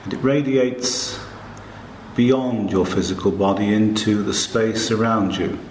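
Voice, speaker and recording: A man narrating a guided meditation in a calm, hushed, soothing manner, with long pauses between short phrases. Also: on the low side, echoey room, a little hiss or hum, poor audio.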